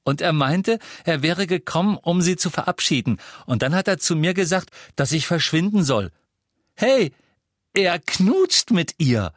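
A man voicing an excited, breathless schoolboy who blurts out gossip. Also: mid-range voice, moderate pace, dry recording, clean studio sound, voice pushed up, close to an everyday voice. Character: excited boy James, loud, breathless, boastful.

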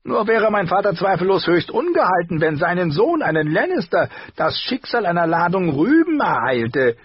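A man's voice: high-pitched, very animated, normal speed, slightly rough, no room sound, highs cut off, voice pushed up, heavily acted. A man voicing a mocking, sly male dwarf nobleman who talks with sarcastic, drawling mockery.

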